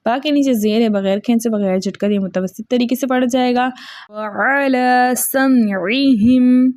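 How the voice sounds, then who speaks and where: A woman with a Pakistani Urdu accent gives a patient tajweed lesson, repeating each rule and chanting verses slowly. Her voice is high but mellow and soft-toned. The sound is dry and close, with no room echo. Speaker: Quran recitation teacher.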